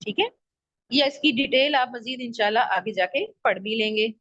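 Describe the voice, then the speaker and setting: A woman teaching an online Arabic grammar lesson, patiently repeating each example word slowly. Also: fairly high pitch, a bit bright, no echo, dull audio.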